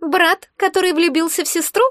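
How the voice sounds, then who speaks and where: A woman's voice: very high-pitched, steady tone, moderate pace, fairly bright tone, no echo, clean studio sound, pitched above the performer's own voice. A woman voicing a sarcastic, nosy talking egg creature in a fantasy audiobook. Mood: mocking. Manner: sarcastic, needling.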